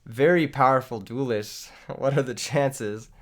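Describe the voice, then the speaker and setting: A young gaming YouTuber who has lost his voice to illness commentates a live card game for his channel, joking, mocking himself and laughing often. His voice is mid-range and a little slow.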